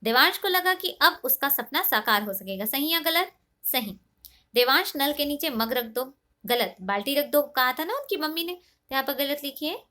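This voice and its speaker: Bright high-voiced woman teaching young kids. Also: expressive, normal speed. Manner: patient, asks and answers her own questions; mixes English words into her speech. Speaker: primary school teacher. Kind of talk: online class lesson.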